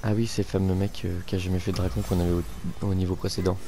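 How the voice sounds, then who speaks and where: A man's voice: low-pitched, little pitch movement, racing. Chatty man narrating his gameplay. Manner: casual, rambling, chatty. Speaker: gaming video host. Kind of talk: let's-play commentary.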